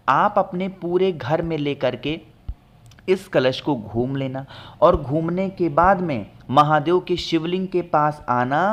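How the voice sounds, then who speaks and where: A man explaining home ritual remedies in a chatty instructional talk, often checking in with viewers. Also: fairly high pitch. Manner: chatty, repeats "ठीक है ना", addresses viewers directly. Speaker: astrology remedies presenter. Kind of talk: instructional talk with product pitch.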